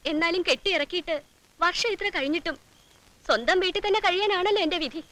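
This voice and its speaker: A whiny, sulky young wife. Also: female voice, very high voice, very fast, noisy background. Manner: whiny and teasing. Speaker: married daughter, wife of the brother-in-law. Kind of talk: film comedy acting.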